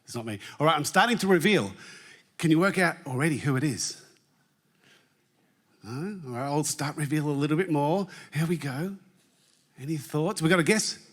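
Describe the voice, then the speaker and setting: A man's voice: on the high side, lively intonation, normal speed, pauses often, fairly bright tone. A man giving a jokey, chatty talk on a conference stage and quizzing the live audience. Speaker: conference presenter.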